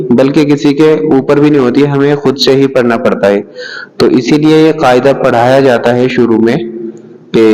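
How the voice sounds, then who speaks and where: Slow, echoey male language teacher. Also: medium pitch, a little mellow. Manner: drawn-out, repeating syllables for students. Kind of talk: slow, patient phonics lesson. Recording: echoey room with long reverb.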